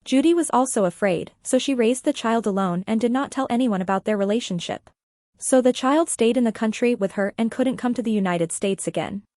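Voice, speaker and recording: A woman narrating an audiobook story in the first person, in an even, matter-of-fact manner. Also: a little high, fairly quick, no room sound, studio quality.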